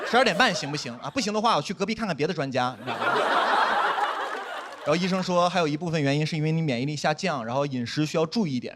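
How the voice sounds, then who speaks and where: A man's voice: a little high, very noisy. A young man performing a self-mocking stand-up comedy set on stage before a live audience. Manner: animated, self-mocking punchlines.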